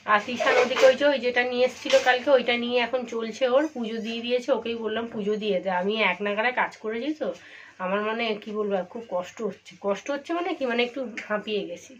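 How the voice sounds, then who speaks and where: A hoarse woman with a Bengali accent, chatting to viewers while doing chores in her home kitchen. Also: on the high side, fairly bright tone, dull audio, a little hiss or hum. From India. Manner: chatty, confiding, addressing viewers directly. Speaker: vlogger. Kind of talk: casual home vlog narration.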